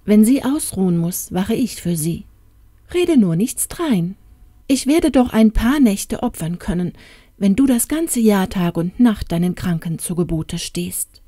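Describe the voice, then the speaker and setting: A woman voicing a kind, determined doctor's wife, speaking warmly and earnestly. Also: medium pitch, expressive, a little slow, no room sound, studio quality, pitched above the performer's own voice. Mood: insistent.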